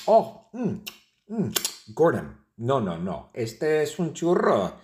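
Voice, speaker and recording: A fussy male food critic who hums, groans and whines over every bite, played by a man. His voice rises high and swoops widely as he complains, and it drags along slowly. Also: wildly swooping pitch, darkish tone. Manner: hums and groans while tasting, whiny complaints.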